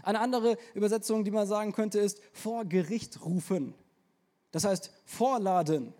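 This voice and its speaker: Young male preacher with a light, high voice, casual slang, speaks straight to the congregation. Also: moderate pace. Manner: casual youthful slang, energetic, addresses the audience directly. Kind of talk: lively sermon.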